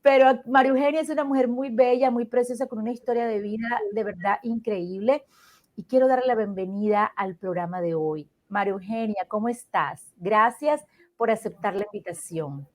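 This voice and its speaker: Woman host, higher voice, gushing, podcast interview. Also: normal speed, a little mellow. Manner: effusive, repeats words for emphasis. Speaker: podcast host and advocate for abuse survivors.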